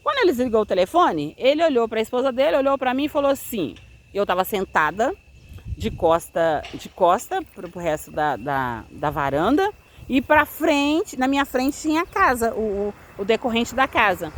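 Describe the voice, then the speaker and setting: A woman recounts a personal experience with a lively, swooping delivery, slipping into the voices of the people she quotes. Her voice sits a little high, and faint noise hums under the recording. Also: normal speed. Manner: acts out quoted dialogue of other people. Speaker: storyteller. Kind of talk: personal testimony storytelling.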